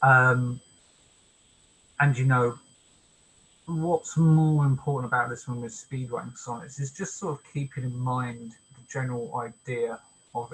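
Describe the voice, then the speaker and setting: A man's voice: medium pitch, a bit bright, a little hiss or hum, poor audio. Hesitant man teaching a poetry workshop. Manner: hesitant, many ums, explains step by step. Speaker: workshop leader. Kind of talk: informal online workshop lecture.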